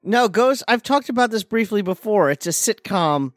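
A man's voice: sits high, expressive, normal speed, dry recording, studio quality. A man co-hosting a podcast in casual chat, talking in a chatty, hesitant way with many restarts. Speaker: podcast co-host.

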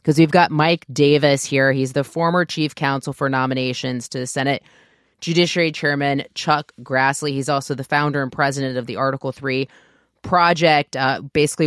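A woman's voice: very deep voice, steady tone, moderate pace, no echo. A woman hosts a podcast with a congested, stuffy-nosed voice. She speaks informally and directly to her listeners, sounding nasal and under the weather. The sound is dry, with very little room in it. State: sick, congested stuffy nose. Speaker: podcast host. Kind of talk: conversational interview introduction.

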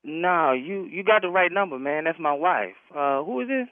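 A man's voice: on the high side, animated, normal speed, no room sound. A man heard over a phone call, talking firmly and cutting in. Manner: firm, interrupting, says "man" a lot. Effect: heard over a telephone line. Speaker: prank call target. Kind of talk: phone conversation on a radio show. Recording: tinny phone line.

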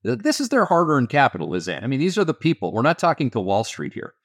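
A man with a Canadian accent, an investment firm founder answering interview questions in an animated, emphatic way with sarcastic asides. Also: mid-range voice, fast talker, dry recording, clean studio sound.

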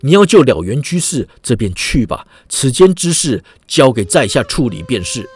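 Give a suave bandit chief, played by a man reading a storybook, a low, hushed and smooth delivery. He placates rather than argues. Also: very animated, normal speed, lightly acted. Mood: soothing.

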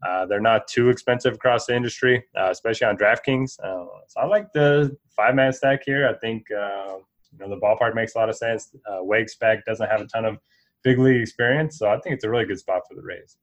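A man with a somewhat low voice co-hosting a casual sports podcast. He gives steady, matter-of-fact analysis. His audio comes through dull and lo-fi. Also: a little fast. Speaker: co-host.

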